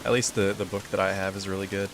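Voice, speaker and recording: Over background hiss, a young gaming streamer talks fast in a low, flat voice as he plays. His casual chatter wanders, packed with filler words.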